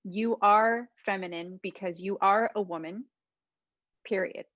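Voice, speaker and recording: A woman's voice: mid-range voice, unhurried, no room sound, muffled recording. A woman hosting a conversation as a coach, explaining things in an affirming way. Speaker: podcast host and dating coach.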